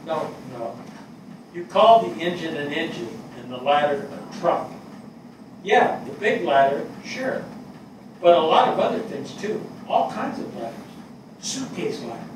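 On a small theatre stage before an audience, a sixty-something actor reads a scripted, conversational part as a grieving fire captain, plain and matter-of-fact with halting delivery. His voice runs on the high side and is expressive. The recording, from a far camera, is echoey, distant and noisy.

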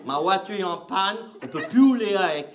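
A male comedian on stage, stretching his words slowly and theatrically. His voice sits high and swings widely in pitch. The live recording carries a laughing crowd and a steady background noise. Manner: theatrical, shouting and drawing out words for comic effect. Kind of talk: stand-up wordplay sketch.

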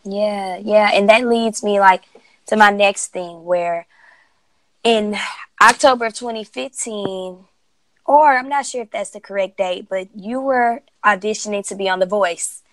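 A woman's voice: medium pitch, measured pace, a bit bright, no echo, rough recording. Female podcast host, upbeat and conversational, mid-range voice, dry close recording. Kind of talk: casual interview chat.

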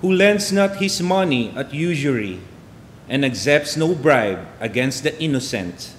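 Male cantor singing alleluias slow, voice swoops up and down, cathedral echo all around. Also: mid-range voice, animated, slight background noise. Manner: melodic sung delivery with wide swings. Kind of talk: chanting the psalm and singing the Alleluia. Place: large church. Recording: long church reverb with music.

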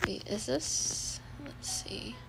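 A woman's voice: slow, low-quality recording. A woman streamer giving casual, musing gameplay commentary and addressing chat as y'all. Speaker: game streamer. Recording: game music playing behind.

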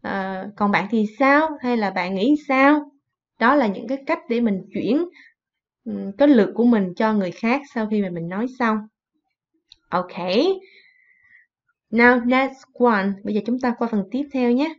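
A woman teaching an English lesson, reading phrases and repeating them in translation. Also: fairly high pitch. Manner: explains slowly, repeats in translation. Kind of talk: bilingual classroom lesson. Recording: dull lo-fi recording.

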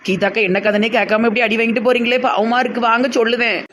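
A man with a Tirunelveli Tamil accent acting in a comedy sketch, talking in an excitable, complaining way. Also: very high voice, fast, a little hiss or hum. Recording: dull lo-fi sound.

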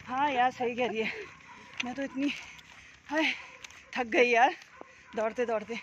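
A chatty woman from Uttarakhand talks to her phone camera as she walks along an outdoor road, and her voice sits high. She teases the people she meets in a casual vlog manner. Loud street noise runs under everything. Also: a little slow, highs cut off. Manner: chatty, teasing, talks to the camera while walking. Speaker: vlogger. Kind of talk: casual walking vlog chat. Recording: noisy outdoor street sound.

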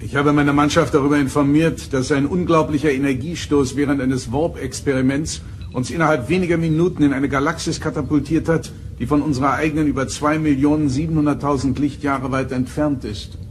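An actor playing a commanding starship captain in a German audio drama, formal, crisp and stern. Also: male voice, fairly high pitch, fairly even intonation, brisk, a little hiss or hum, close to an everyday voice. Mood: grave, formal.

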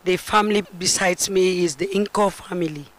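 A middle-aged woman from Cameroon giving an earnest, halting testimony at a church, speaking into a handheld mic on a large indoor stage. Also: fairly low pitch, rough recording. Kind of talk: spoken testimony.

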